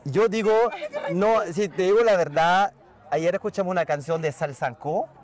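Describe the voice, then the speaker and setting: A man's voice: sits high, moderate pace. A man who is a guest DJ, chatting casually and eagerly outdoors, with frequent fillers. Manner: enthusiastic, talkative, lots of fillers. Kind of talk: casual conversation.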